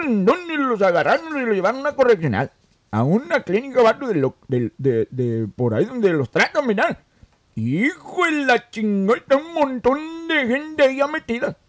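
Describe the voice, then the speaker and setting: A man's voice: high-pitched, husky, dry recording, studio quality, exaggerated voice. A man voicing Don Machín, a crude, joking Mexican character with a Mexican accent who tells rambling, foul-mouthed stories. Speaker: comic guest character.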